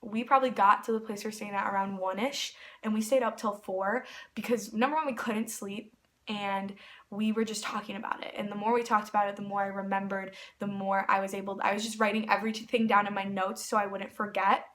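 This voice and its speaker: Bright-voiced excitable young woman rambling. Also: mid-range voice, fairly quick. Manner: rambling, excitable, heavy use of "like". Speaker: vlogger. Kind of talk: casual storytelling.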